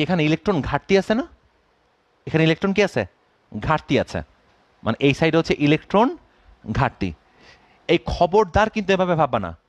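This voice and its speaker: Lively man teaching physics. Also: on the high side, dry recording. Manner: asks students constant check-in questions; mixes English phrases into explanations. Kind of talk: classroom lecture.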